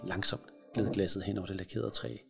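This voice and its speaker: A man reading a spooky children's story aloud at a live event in a large library hall, calm and measured. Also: lowish voice, vocal fry, over music. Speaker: reader at a live book event.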